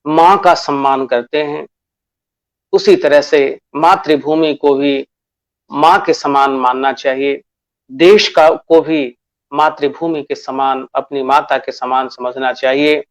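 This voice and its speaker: Male teacher from Bihar, slightly high voice, unhurried classroom delivery with lots of repetition. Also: fairly even intonation. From Bihar, India. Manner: slow and deliberate, addresses pupils as children; repeats key phrases and asks questions to himself. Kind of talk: classroom lesson.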